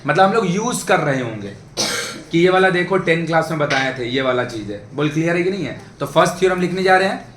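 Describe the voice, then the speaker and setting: A man's voice: on the high side, expressive, fast, a bit bright. A man teaching a math lesson to a class, chatty and often checking that the students follow. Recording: echoey classroom, faint background noise.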